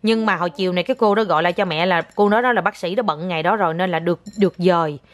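A woman's voice: on the low side, racing. A woman talking casually with her young child as a mother, patient and coaxing, repeating herself and slipping into English now and then.

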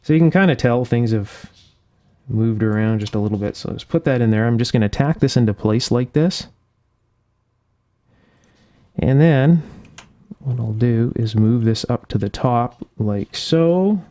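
Warm in tone and animated, his medium-pitched voice moves at normal speed. As host of an electronics repair channel, he is at an indoor workbench talking through a repair step by step, unscripted, methodically thinking aloud.

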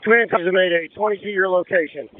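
A man's voice: sits high, fast. A man commanding a fire scene in terse, urgent firefighter radio traffic. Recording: muffled band-limited fireground radio.

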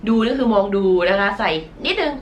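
A woman's voice: fairly high pitch, animated, brisk, a little hiss or hum. A woman from Thailand with a nasal voice, teaching English verbs in a recorded online lesson, stretching out model pronunciations patiently. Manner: self-conscious about her nasal voice.

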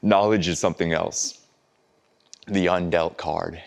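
An actor performing a stage monologue as a heartbroken man reflecting on love, speaking slowly with long pauses and drops to near whispers. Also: steady tone, darkish tone. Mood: anguished. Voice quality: very deep gravelly voice.

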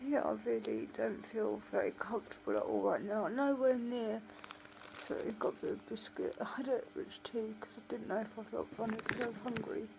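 Tired, creaky woman with a sore jaw. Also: fairly high pitch, fairly even intonation, a little fast, a little mellow, a little hiss or hum, rough recording. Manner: talking with a sore, tight jaw. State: tired, sore swollen jaw after surgery. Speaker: vlogger. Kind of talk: casual late-night video diary.

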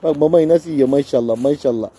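Şefkatle yavru kediyi çağıran adam, yüksek sesli. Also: male voice, on the high side, brisk, warm tone, breathy edge. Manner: tender, coaxing, baby talk. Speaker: person rescuing a stray kitten. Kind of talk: casual affectionate talk to an animal. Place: outdoors at night by a road.

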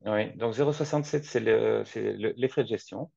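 A man from Belgium in his forties, speaking in a measured way with frequent restarts, interviewed over a video call from his office. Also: on the low side, creaky, a little mellow, husky, no echo. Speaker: guest, company co-founder. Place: office, seated at a desk. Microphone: webcam on a video call. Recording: dull lo-fi video call audio.

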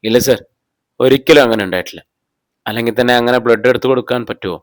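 A man's voice: mid-range voice, fast talker, no echo, natural voice. A man reading the lines of a middle-aged mother under police questioning, defending herself and growing indignant. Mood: defensive. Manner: defensive, voice rising when accused.

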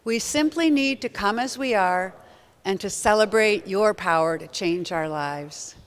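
A middle-aged woman pastor leads a communion liturgy in a smooth, resonant voice. She reads slowly and solemnly, in a prayerful way, from the front of a church sanctuary, heard through a distant camera. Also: mid-range voice. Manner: slow, solemn, prayerful reading.

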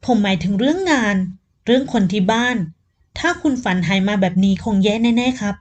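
A woman's voice: on the high side, lively intonation, brisk. A woman voicing a loyal male henchman who reports politely to his boss. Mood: deferential. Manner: deferential and polite.

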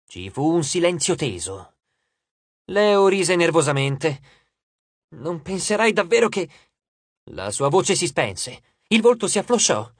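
Expressive male audiobook narrator. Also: fairly high pitch, measured pace, slightly rough, dry recording. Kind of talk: scripted narration.

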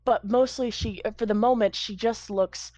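A woman serving as game master, narrating scenes in a relaxed, casual way. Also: a little high, normal speed, dry recording.

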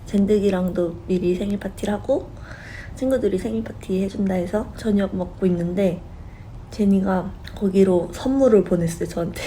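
A young woman chatting casually with fans on a live stream, talkative and quick to giggle. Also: mid-range voice, dark tone, slight background noise, low-quality recording. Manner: chatty and giggly, laughing often.

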